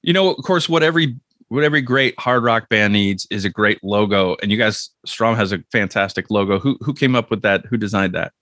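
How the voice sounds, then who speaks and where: A man's voice: lowish voice, fairly quick, a bit bright. A man hosting a casual music interview, chatty and upbeat, asking questions with fillers.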